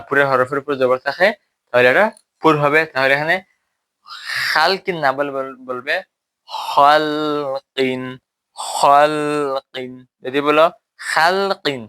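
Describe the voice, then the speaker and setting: Bright-voiced man teaching recitation. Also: mid-range voice. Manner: explains step by step and checks understanding with questions; slowly models drawn-out recitation examples. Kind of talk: explanatory Tajweed lesson.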